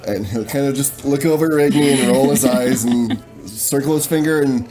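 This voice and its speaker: A man narrating as game master, relaxed with chuckling asides, over faint music. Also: medium pitch, moderate pace, low-quality recording.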